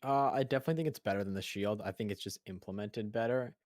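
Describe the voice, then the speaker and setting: A man, a guest on a gaming podcast, giving agreeable, measured opinions on a game. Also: lowish voice, a little mellow, no echo, studio quality. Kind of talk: casual gaming podcast chat.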